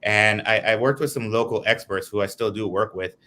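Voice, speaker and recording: A man's voice: fairly low pitch, fairly quick, pushed and bright. A man from Guyana, a political candidate, giving earnest, lengthy answers in an interview over a video call.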